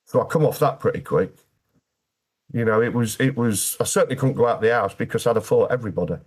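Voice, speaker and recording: A British man, speaking fast in a mid-range voice, is an interview guest telling his personal story. He speaks candidly and plainly, with dry, wry humour.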